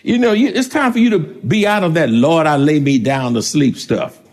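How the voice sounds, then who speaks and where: A man pastor preaching a sermon, shouting out prayers, laughing between lines, speaking. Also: fairly high pitch, normal speed.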